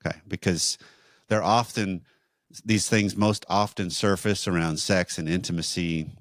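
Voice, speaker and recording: Very low-voiced man explaining calmly. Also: no echo, clean studio sound. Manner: measured, explanatory, with restarts and rhetorical questions. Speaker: co-host of a marriage podcast. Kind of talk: conversational teaching on a podcast.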